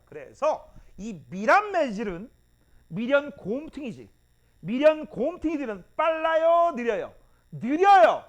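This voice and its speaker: A male physics teacher lecturing students in a blunt, teasing way and drilling terms by repeating them. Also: high-pitched. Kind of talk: classroom lecture.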